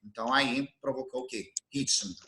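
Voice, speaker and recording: A man from Brazil teaching an online class, explaining things slowly and repeating his definitions. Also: medium pitch, sharp tone. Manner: slow, didactic, repeats definitions. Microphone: computer mic on video call.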